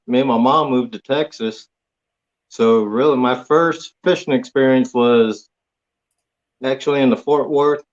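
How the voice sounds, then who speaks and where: Man from hawaii, relaxed guest, plain talk, mid pitch, dull muffled audio. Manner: laid-back, plain-spoken, short answers. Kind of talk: casual interview chat.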